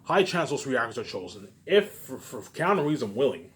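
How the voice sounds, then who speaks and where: Very animated and brisk, this medium-pitched vlogger talks straight to camera on his phone in a rambling monologue. He brags, repeats his points forcefully, and frequently answers his own questions.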